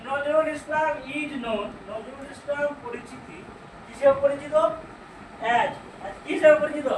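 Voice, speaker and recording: High-voiced Bengali teacher in an echoey room. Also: male voice. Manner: asks the class questions, then answers them himself; reads English sentences slowly and explains them. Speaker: English grammar teacher. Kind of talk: classroom grammar lesson. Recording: echoey room, far from mic, noisy.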